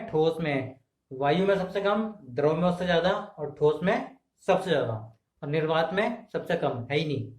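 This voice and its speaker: A man with a fairly high voice teaches an exam-prep class, posing questions and answering them himself. He repeats key terms to drill them in. The sound bounces around the room he is filmed in. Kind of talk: classroom lecture. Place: indoor room filmed on camera. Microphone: camera mic. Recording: echoey room.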